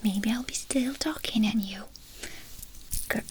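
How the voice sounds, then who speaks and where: A woman whispering a fast, brisk ASMR whispered role-play as a medical examiner, giving short instructions and questions. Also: on the high side, background noise.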